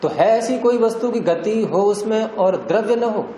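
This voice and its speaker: A man's voice: high voice, warm tone. An older man teaching a classroom lecture, explaining step by step and quizzing his students. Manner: questioning students, drawn-out explanations. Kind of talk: classroom lecture on Indian philosophy and grammar. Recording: echoey classroom with faint background noise.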